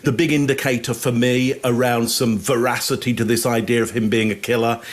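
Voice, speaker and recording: A man analyzing body language on a panel, speaking in a measured, hedging way with pauses and fillers. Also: medium pitch, level tone. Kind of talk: casual panel commentary.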